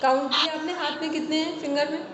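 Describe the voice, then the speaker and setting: A woman's voice: sits high, fairly even intonation, quick pace, echoey room, long reverb tail, noisy background. A woman teacher leading an online class, patiently correcting pronunciation and giving homework over a video call.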